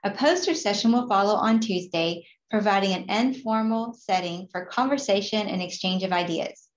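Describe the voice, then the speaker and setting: A woman in her forties reads out a conference program in an even, informative way. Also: mid-range voice, normal speed. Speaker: program presenter. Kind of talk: scripted program announcement. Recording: roomy, slightly dull webcam audio.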